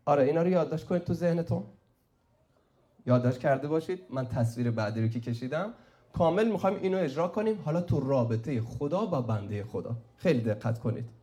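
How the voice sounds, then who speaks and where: A man's voice: fairly high pitch, animated, warm tone. A man teaching a classroom lesson at the board, often prompting students to call out the answer. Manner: prompts the class with "say it" and quizzes them. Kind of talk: classroom lecture at a whiteboard.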